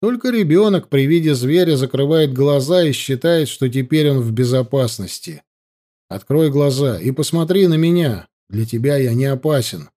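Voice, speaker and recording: A cold, guarded young werewolf chieftain from a storybook, read by a man. His voice is dark and mellow and moves over a wide pitch range. He speaks in a measured, evasive way. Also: animated, natural voice.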